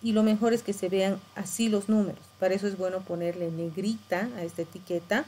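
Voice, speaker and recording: A woman's voice: medium pitch, steady tone, brisk, mellow, a little hiss or hum, rough recording. A middle-aged woman teacher, explaining patiently and checking in with tag questions. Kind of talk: screen-share tutorial lesson.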